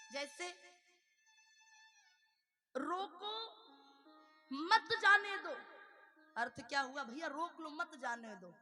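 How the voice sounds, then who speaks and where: Woman storyteller preaching, high voice, slow and deliberate, keeps asking the crowd questions, faint music behind. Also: pushed and bright. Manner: rhetorical questions, addresses listeners directly. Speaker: religious storyteller. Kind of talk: devotional discourse with sung verses.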